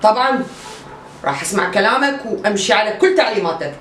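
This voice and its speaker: A woman's voice: medium pitch, lively intonation, fast talker, a bit bright, distant mic, close to an everyday voice. A woman with an Iraqi accent playing an argumentative, indignant patient at a diet clinic in a comedy sketch. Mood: eager. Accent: Iraqi Arabic. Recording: echoey room, voice from afar, faint hiss.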